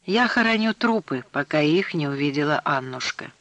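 A man's voice: on the high side, lively intonation, moderate pace, pushed and bright, no room sound. A male narrator voicing a tense, tired father in an audiobook, curt and short on patience. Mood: strained. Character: tense, weary father on a beach trip.

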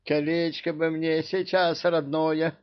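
A man's voice: a little high, animated, a little slow, highs cut off, voice pushed up. A man voicing a fussy, plump old male genie king who whines and frets in an audiobook. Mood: flustered. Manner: whiny, flustered, plaintive.

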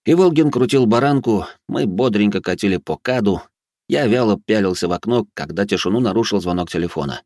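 A man's voice: fairly low pitch, lively intonation, a little fast, darkish tone, no echo. A man narrating a gritty first-person audiobook in an intense, dramatic way on a close studio mic.

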